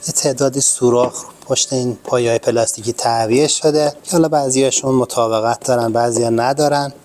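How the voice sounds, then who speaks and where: A man hosting a repair channel, giving a calm, polite step-by-step tutorial. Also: mid-range voice, soft background music. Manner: calm, polite and methodical explaining. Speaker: host of a home repair channel.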